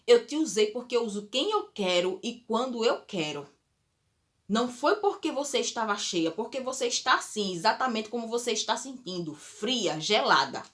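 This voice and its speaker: A woman voicing God as a stern, patient divine voice, speaking slowly in solemn rebuke. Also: a little high, big pitch swings, a bit bright. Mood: rebuking.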